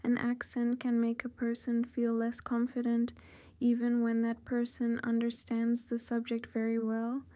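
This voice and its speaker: A Ukrainian-accented woman in her fifties, answering interview questions about her life in measured, careful sentences. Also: a little high, monotone, mellow, smooth, dry recording. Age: 50s. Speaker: interview guest. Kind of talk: oral history interview.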